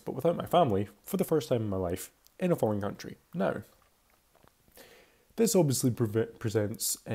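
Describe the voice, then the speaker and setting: A twenty-year-old Scottish man gives a casual, chatty, candid voice-over commentary for a video. His voice is mid-range and warm.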